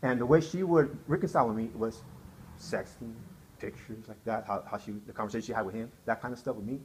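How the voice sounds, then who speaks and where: A man's voice: lowish voice, fast talker, a little hiss or hum. A middle-aged man recounting a painful personal story in a rambling, repetitive way, acting out quotes. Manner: rambling, repeats himself, acts out quotes. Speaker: man telling his side of a story. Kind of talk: emotional personal account.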